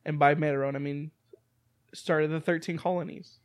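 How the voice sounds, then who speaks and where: A man's voice: on the high side, steady tone, moderate pace. A man co-hosts a podcast. He jokes his way through loose, rambling banter in an easygoing conversational tone. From American. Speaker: podcast co-host.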